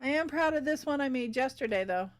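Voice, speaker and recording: A woman's voice: sits high, animated, fast. A woman streaming live as she paints, chatting casually with viewers, thinking aloud and giggling often.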